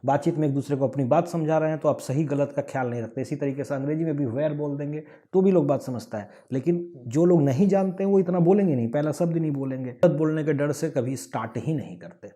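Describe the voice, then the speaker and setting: Dark-voiced Bihari man teaching. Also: a little high, fast, hardly any pauses. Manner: explains with everyday examples, lively emphasis. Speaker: English teacher. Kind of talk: online lesson lecture.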